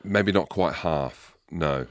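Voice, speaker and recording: A middle-aged man with an English accent, hosting a casual podcast chat and leading the questions in an animated, chatty way. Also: deep voice, slow, dry recording, studio quality. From England. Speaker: podcast host.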